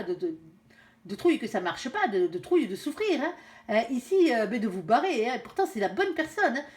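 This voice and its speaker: A woman giving a casual, blunt tarot reading to her viewers, filling her talk with frequent fillers and tag words. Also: on the high side. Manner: blunt, chatty, peppers speech with "hein" and "euh". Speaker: tarot card reader.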